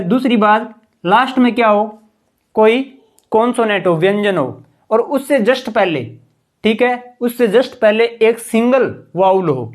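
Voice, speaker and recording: Patient male grammar teacher. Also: sits high. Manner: patient, keeps asking the class rhetorical questions and saying "ठीक है". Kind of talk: explanatory classroom lesson.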